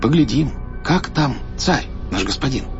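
A man's voice: mid-range voice, animated, measured pace, vocal fry, lo-fi sound, faint music behind, voice pushed up. Man playing a sly singsong court jester.

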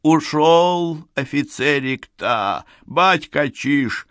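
Male reader as a breathless bandit rider, raised pitch, dry sound. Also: sharp tone, clean tone, no room sound. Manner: panting, hurried.

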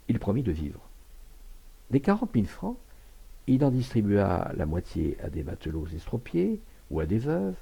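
Male audiobook reader, dramatic and expressive, husky and very dark. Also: on the low side. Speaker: audiobook narrator. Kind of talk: literary audiobook reading.

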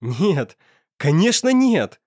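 A man's voice: mid-range voice, very animated, normal speed, darkish tone, dry recording, studio quality. A man voicing a possessive, hot-tempered young man who talks in a pressing, emphatic way. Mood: passionate.

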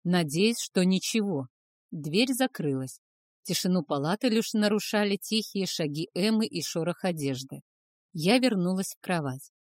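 Calm woman narrating a novel. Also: on the low side, normal speed, no room sound, clean studio sound. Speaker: audiobook narrator. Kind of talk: first-person novel narration.

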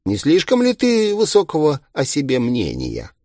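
A man's voice: on the high side, wildly swooping pitch, normal speed, a little mellow, no echo, clean studio sound, voice pushed up. A man voicing a gleeful, mocking murderous villain in a taunting, singsong manner. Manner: taunting, singsong, cruelly playful.

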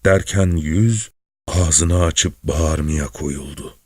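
A man reading a literary story aloud in a calm, measured way. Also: extremely low pitch, breathy edge, no room sound, studio quality. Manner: calm, measured, soft-spoken.

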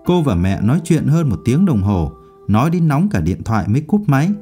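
A man narrating a novel audiobook in an expressive, measured reading. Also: medium pitch, soft background music.

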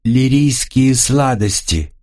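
A stern, irritable office bureaucrat snaps out short, curt orders in a raised, husky voice, as a male narrator puts her on. The pitch climbs well above his own, and every word sounds impatient. It belongs to an audiobook-style story reading. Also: big pitch swings, unhurried, heavily acted. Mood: dazed. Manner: sharp and curt.

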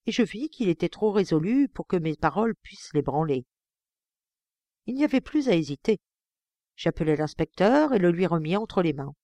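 Woman audiobook reader, calm expressive reading, close mic, dry sound. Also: lowish voice, normal speed, no room sound. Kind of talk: audiobook narration.

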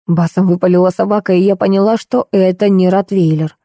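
Женщина с мягким тёплым голосом читает ироничную прозу. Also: female voice, medium pitch, steady tone, fairly quick, warm tone, no room sound, clean studio sound. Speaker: audiobook reader. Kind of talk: scripted narration.

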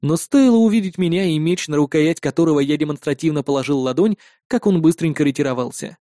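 High-voiced man reading a fantasy story. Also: fast talker, dark tone, no echo, studio quality. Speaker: audiobook narrator. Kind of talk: first-person fantasy narration.

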